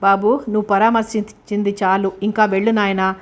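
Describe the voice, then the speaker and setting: A woman's voice: medium pitch, little pitch movement, a little fast, close to an everyday voice. A woman voicing an anxious, scolding middle-aged mother with a harsh manner, in a storybook reading.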